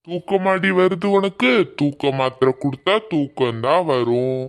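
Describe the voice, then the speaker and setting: A man's voice: medium pitch, close to an everyday voice. A man voicing a scheming husband in a cartoon, speaking in sly asides. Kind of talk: cartoon voice acting.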